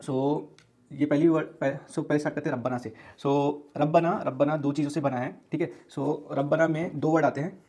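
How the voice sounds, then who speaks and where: A man's voice: fairly high pitch, steady tone, a little mellow. Man teaching with patient repeats. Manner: explains slowly with many repeats and fillers; mixes English words into his talk. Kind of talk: casual online lesson.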